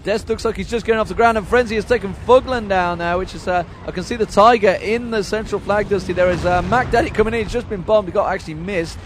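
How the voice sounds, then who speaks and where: A male esports caster rattles off play-by-play at a brisk clip, his voice sitting high. He calls the action live from a LAN event, with faint background noise. His delivery is quick and chatty, with frequent chuckles. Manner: rapid play-by-play, chuckles often. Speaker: esports commentator. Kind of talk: live game commentary. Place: noisy LAN event hall.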